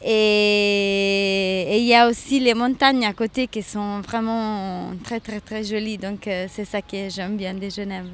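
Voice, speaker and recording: A woman's voice: medium pitch, fairly even intonation, measured pace, smooth. A woman casually and a bit hesitantly describing her city in a street interview.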